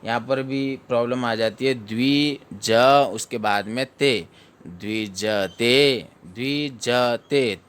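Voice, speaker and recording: Slow, clear-voiced man teaching chanting. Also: medium pitch. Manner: breaks words into syllables and repeats them slowly. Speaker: Sanskrit recitation teacher. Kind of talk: slow syllable-by-syllable chanting lesson.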